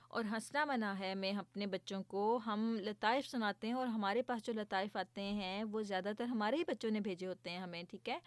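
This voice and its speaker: A woman's voice: mid-range voice, no room sound. A young woman hosting a children's program, chatting casually, explaining jokes and laughing often. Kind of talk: casual explanatory chat for kids.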